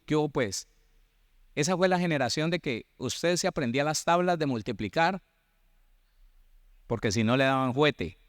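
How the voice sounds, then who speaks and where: A man's voice: on the high side, dry recording, studio quality. Colombian pastor in his sixties. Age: 60s. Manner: animated, repetitive storytelling, acting out dialogue. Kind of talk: sermon with personal storytelling.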